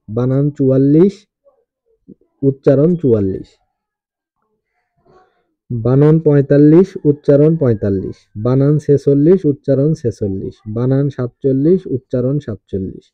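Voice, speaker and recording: A man teaching, reciting a spelling and pronunciation drill in a steady, repetitive way, saying each number twice. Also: mid-range voice, no echo. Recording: tinny phone-like, dry sound.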